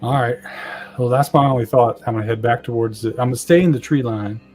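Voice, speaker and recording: A man's voice: mid-range voice, fast talker, a little mellow, soft background music. A man playing in a tabletop game, talking casually about his character's moves. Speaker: player. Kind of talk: tabletop role-play.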